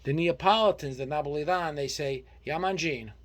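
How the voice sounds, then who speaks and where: Gravelly North Jersey Italian-American guy. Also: a little high, normal speed, slight background noise. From New Jersey. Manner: colloquial, blunt, animated retelling with acted-out quotes and Italian dialect phrases. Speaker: vlogger. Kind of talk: casual chat, storytelling.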